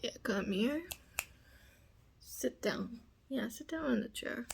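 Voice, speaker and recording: A young woman voicing a bossy, teasing female roommate in a whispered role-play, speaking softly close to the mic. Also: fairly high pitch, expressive, slow, vocal fry, a little hiss or hum, full character voice. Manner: teasing, commanding, soft whispering. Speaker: ASMR performer.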